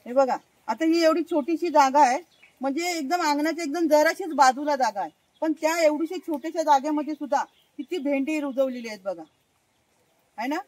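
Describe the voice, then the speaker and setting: A woman with a Konkan Marathi accent and a bright, high-pitched voice gives a casual walking tour of a village garden outdoors. She talks chattily into a handheld phone and keeps pointing things out to her viewers. The sound is dry and close, with little room echo. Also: a little fast. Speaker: vlogger. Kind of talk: casual walk-and-show garden vlog.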